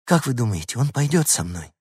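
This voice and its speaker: A man voicing an eager, kind young girl in a storybook reading, coaxing and bright. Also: medium pitch, very animated, a little fast, breathy edge, no echo, clean studio sound.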